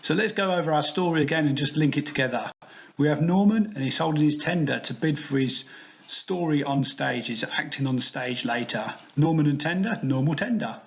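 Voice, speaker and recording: A man's voice: a little high, a little fast. A man presenting a study tutorial in a playful, upbeat way. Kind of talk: narrated revision tutorial. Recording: dull lo-fi sound.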